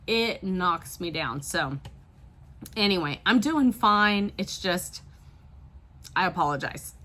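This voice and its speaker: A woman's voice: medium pitch, pushed and bright. A woman from the Midwest, a part-time reseller, chatting casually to camera while sniffly with a tickly throat. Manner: chatty and apologetic, with small laughs.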